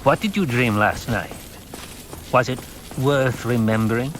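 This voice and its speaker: A man's voice: mid-range voice, noisy background, voice pushed up, close to an everyday voice. Man voicing a stern, commanding old woman. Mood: stern, probing. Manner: solemn, commanding, deliberate. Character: stern, probing old woman of a religious order.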